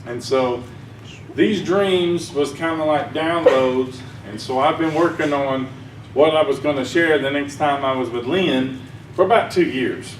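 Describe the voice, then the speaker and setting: An unhurried, slightly high-voiced man from Arkansas, with a Southern accent, rambles through a folksy conference sermon talk and chuckles at his own jokes. Faint music plays behind him, and the conference hall sounds echoey with a far-away mic.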